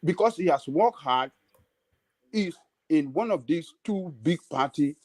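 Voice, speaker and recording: A man's voice: a little high, expressive, measured pace, darkish tone, dry recording. A man with a Nigerian Yoruba accent giving emphatic political commentary in short, repeated phrases. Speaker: political analyst on a livestream panel.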